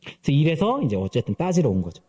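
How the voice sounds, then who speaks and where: A man's voice: a little high, wildly swooping pitch, quick pace, mellow. A man in his thirties preaching a sermon at church, telling stories and playfully mimicking voices. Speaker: pastor. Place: church sanctuary.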